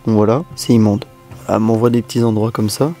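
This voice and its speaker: A man's voice: lowish voice, fairly even intonation, brisk, dark tone, faint music behind. A man who has just woken up, chatting casually and rambling to camera.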